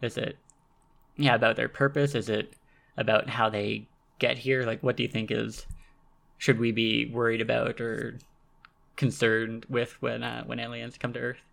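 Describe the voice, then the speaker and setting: A man co-hosting a casual podcast about a film, relaxed and hesitant, with many fillers. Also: medium pitch, moderate pace, creaky. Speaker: podcast co-host. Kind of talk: casual movie discussion.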